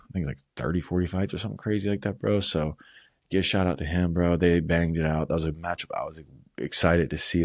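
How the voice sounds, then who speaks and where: Very deep-voiced man ranting casually, bro. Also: darkish tone, no echo, clean studio sound. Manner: profane, rambling, says bro and man constantly. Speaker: combat sports vlogger. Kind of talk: casual unscripted recap. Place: at home.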